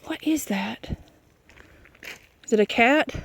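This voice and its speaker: A woman's voice: fairly high pitch, animated, slow. A woman chatting casually and candidly in a rambling, folksy way while recording a walking vlog on a country dirt road. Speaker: vlogger. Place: outdoors on a rural dirt road. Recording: noisy outdoor country recording. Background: clear outdoor noise.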